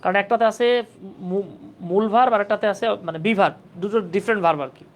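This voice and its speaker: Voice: mid-range voice, quick pace. Patient teacher. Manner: patient, repetitive, keeps checking understanding. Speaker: English grammar teacher for job exam prep. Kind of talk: live online class lecture.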